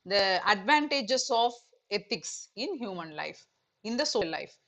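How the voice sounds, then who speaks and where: A woman's voice: medium pitch, very animated, a little slow, a bit bright. A middle-aged woman teaching an online exam-prep lecture, explaining with many fillers and repeated "okay".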